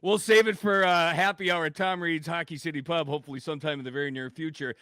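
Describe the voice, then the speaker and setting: A man's voice: fairly high pitch, fairly even intonation, fast, sharp tone, clear, resonant tone, dry recording, studio quality. A man hosting a sports radio interview, effusive, upbeat and friendly with his guest. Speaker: radio host.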